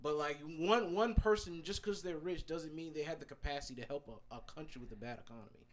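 Speaking fast in a slightly high, fairly bright voice, this man is a podcast co-host working through an opinion. The chat is casual, and he hesitates and restarts many times while reasoning.

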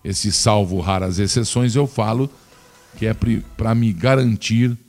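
A man's voice: on the low side, unhurried, darkish tone, faint music behind. A man from Brazil giving opinionated political commentary, indignant and scornful, talking straight to his listeners.

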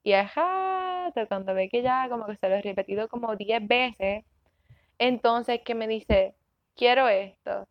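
A woman's voice: a little high, unhurried, no echo. A woman in her thirties hosting a self-help podcast in a chatty, earnest way, often checking in with the listener and laughing. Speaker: podcast host. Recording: dull dry recording.

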